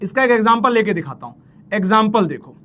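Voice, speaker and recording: A man teaches a relaxed math lesson. He chats playfully with his students, counts steps out loud as he draws, and keeps calling them brother. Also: sits high, fast. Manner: chatty, playful, talks to students as "bhai"; counts steps aloud while drawing. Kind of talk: casual Hinglish math lecture.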